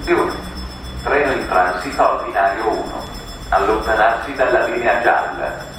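A man's voice comes over a train station loudspeaker in a flat, recorded announcement. It is a little low, very echoey and heard from far off, with faint platform noise behind. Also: normal speed.

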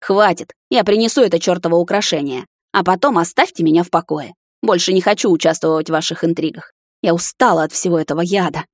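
Woman reading a defiant young witch heroine, audiobook; emotional, fairly low, dry. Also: expressive, brisk, darkish tone, husky, dry recording. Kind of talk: audiobook character voice.

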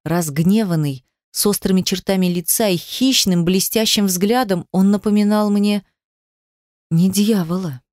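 A woman reads a dramatic story aloud in the first person, with tears in her voice. Her pitch sits in the middle range. The recording is dry and close. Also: measured pace, darkish tone, no room sound. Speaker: audiobook narrator.

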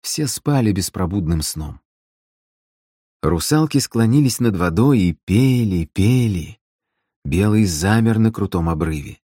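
A man narrating an audiobook in a measured, dramatic storytelling manner. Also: low-pitched, animated, dark tone, slightly rough, no echo, clean studio sound. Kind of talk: scripted narration.

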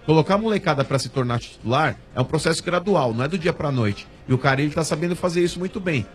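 A man's voice: on the high side, animated, fast, a little hiss or hum. A man with a Brazilian Portuguese accent arguing insistently in a football debate on a radio show, often cutting in to repeat his point. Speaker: sports show panelist. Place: radio studio.

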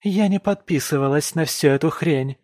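A hysterical young woman who shrieks and snaps, pitched well above her reader's voice, as a man puts her on. She sounds loud and raw. The recording is dry and close. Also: extremely slow, dry recording, heavily acted. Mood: scornful. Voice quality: shrill, screaming.

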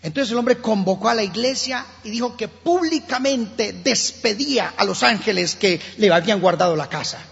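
A man preaching a sermon in a church with a Colombian accent, impassioned and then suddenly hushed. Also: high voice, animated, moderate pace, creaky, hardly any pauses. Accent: Colombian Spanish. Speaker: pastor. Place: church sanctuary. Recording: dull lo-fi church hall recording.

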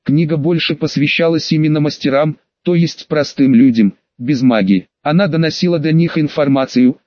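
Man, audiobook narrator, fantasy story, steady even delivery, slightly high voice, dull dry recording. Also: moderate pace, no room sound.

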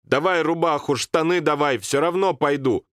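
Guy doing a stubborn little boy voice, higher, whiny and insisting, storybook. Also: moderate pace, no echo, clean studio sound, natural voice. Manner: stubborn, pleading shouts.

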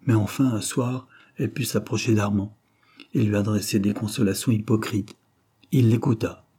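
A man with a French accent narrating a classic novel in a measured, expressive reading. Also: on the low side, slightly rough. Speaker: audiobook reader.

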